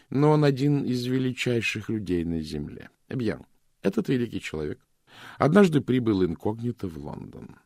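A shrewd middle-aged detective, voiced by a male audiobook reader, speaking in a calm, measured, soft way. The voice is deep and gravelly with a lively melody. The recording is close and dry. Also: dry recording, full character voice. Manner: calm, measured, softly spoken. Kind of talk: audiobook reading.

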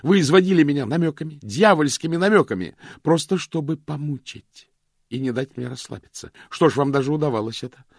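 A man voicing a highly strung woman who speaks in a shrill, bitter, sarcastic way. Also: big pitch swings, a little fast, creaky, husky, no room sound, studio quality, exaggerated voice.

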